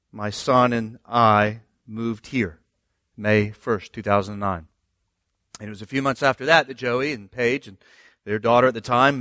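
A man's voice: medium pitch, sharp tone, no room sound, clean studio sound. A middle-aged man, a pastor, telling his story earnestly in a sermon with fillers and restarts.

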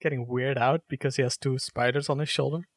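A man's voice: medium pitch, steady tone, brisk, dry recording, studio quality. A man co-narrating a tabletop role-playing game in a casual style.

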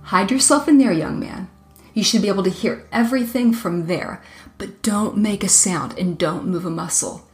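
A woman voicing a gentle, cunning old grandmother in a storybook reading, speaking in a knowing, kindly way. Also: medium pitch, normal speed, soft background music, lightly acted.

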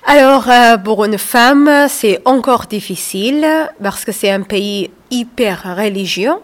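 Woman guest, 30s, from Somalia, non-native French, slow halting delivery. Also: on the high side. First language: not French. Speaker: guest, author. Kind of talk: radio interview.

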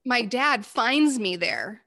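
An American woman in her forties, an interview guest telling a personal story in an animated way and acting out the voices she quotes. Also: on the high side, slow, slight background noise. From United States.

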